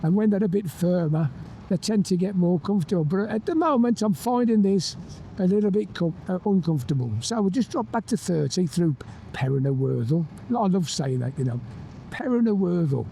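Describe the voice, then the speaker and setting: A man's voice: high-pitched, animated, brisk, vocal fry, warm tone, poor audio. A man talking through a motorbike helmet intercom mic as he rides, giving a chatty, enthusiastic commentary on the bike. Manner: chatty, enthusiastic, talks while riding. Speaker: motorcycle reviewer. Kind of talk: ride-along bike review commentary. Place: on a motorbike on open roads, outdoors. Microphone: motorbike helmet intercom mic while riding. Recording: helmet mic with faint road noise. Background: wind and engine noise.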